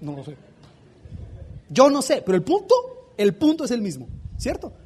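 A man's voice: very high voice, wildly swooping pitch, normal speed, darkish tone, slightly rough. A man preaching an impassioned sermon as a pastor, full of rhetorical questions.

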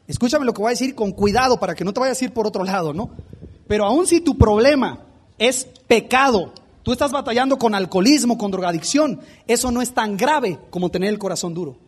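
A man's voice: high voice, a little mellow, slightly rough. A man preaching an impassioned sermon as a pastor, full of rhetorical questions.

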